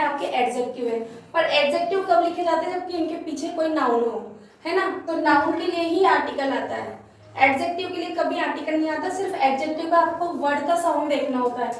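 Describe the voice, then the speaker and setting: A woman with a high voice teaches a grammar class, patiently repeating each point and quizzing her pupils. She is picked up from far off in a very echoey room with a faint hiss underneath.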